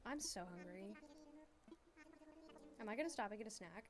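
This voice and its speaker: A young woman chatting casually while streaming a game, excitable, giggly and self-deprecating. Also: mid-range voice, normal speed. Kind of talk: casual gaming stream chat.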